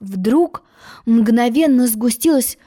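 A woman reading a children's story aloud in an expressive storytelling manner. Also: on the high side, slow pace, breathy edge.

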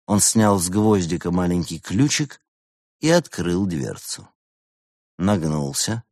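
Man, audiobook narrator, low voice, expressive, dry close sound. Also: no echo. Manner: expressive, storytelling.

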